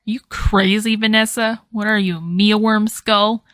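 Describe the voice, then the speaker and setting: A woman's voice: medium pitch, moderate pace, pushed and bright, no echo, natural voice. A woman voicing a rude, grumpy kid in a storybook, speaking in a scoffing, sneering way. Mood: scornful.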